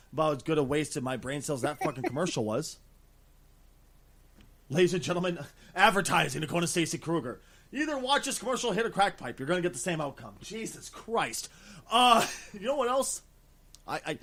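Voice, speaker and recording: A man hosting a casual gaming podcast, talking in an excitable, rambling, profane way. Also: a little high. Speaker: podcast host.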